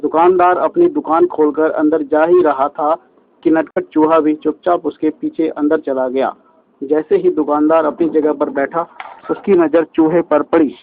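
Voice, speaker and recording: Man narrating a children's tale, expressive, high voice, tinny phone-like sound. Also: moderate pace, creaky. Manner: lively, expressive storytelling addressed to children. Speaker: storyteller.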